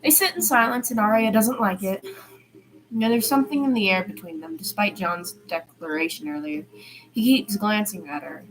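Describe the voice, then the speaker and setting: On a low-quality recording, a woman with a mid-range voice reads fiction aloud at a normal speed as an amateur podfic narrator. The reading is informal, with character dialogue and the occasional small stumble.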